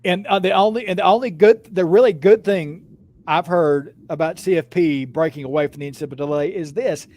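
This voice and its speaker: A man hosting a casual sports podcast, ranting in an animated, profane way and repeating words as he builds up. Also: on the high side, fairly quick. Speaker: podcast host.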